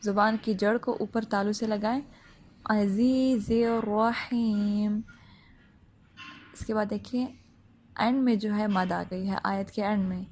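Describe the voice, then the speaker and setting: Female tajweed teacher, mid-pitched, patient and methodical, checks the listener often, light background noise. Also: fairly even intonation, darkish tone. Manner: slow drawn-out recitation, then plain step-by-step explaining. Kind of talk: Quran recitation lesson.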